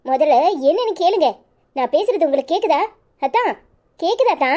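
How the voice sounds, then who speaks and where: A woman with a Kanyakumari Tamil accent voicing a calm, reassuring young woman in a cartoon. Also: very high voice, fairly quick. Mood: urgent. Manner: soothing, reassuring. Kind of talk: cartoon voice acting.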